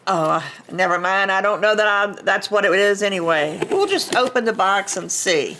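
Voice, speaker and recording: Against a noisy background, an older woman with a congested nose unboxes a craft kit at home for her vlog, speaking into her camera mic. Her medium-pitched voice is animated and moderately paced as she rambles casually, restarting and giving small laughs.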